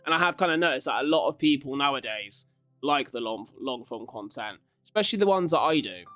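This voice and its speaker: Ranking things casually for a YouTube reaction video, this man chats in a loose, rambling, conversational way while music plays behind him. His mid-range voice is animated and a bit bright, and he talks briskly.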